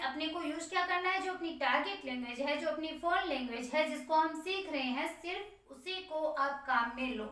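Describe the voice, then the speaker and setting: Woman teacher, high voice, patient step-by-step explainer who slowly dictates key points; heard from a distance. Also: fairly bright tone. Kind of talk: exam-prep lecture on teaching methods. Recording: very echoey room, voice from a distance.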